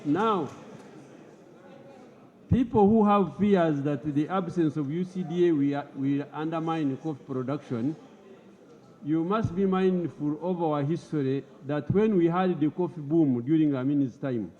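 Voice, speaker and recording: A man addresses parliament as a government minister, in a mellow, low-toned voice. He speaks formally and repeats words as he pushes his point. The audio is dull broadcast sound with a long echo from the chamber. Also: a little slow.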